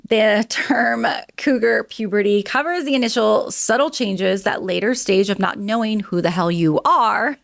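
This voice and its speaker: A woman in her early forties hosts a solo podcast, reading news items aloud and reacting in a candid, chatty manner. Her mid-range voice is gravelly, recorded in studio quality with no room sound.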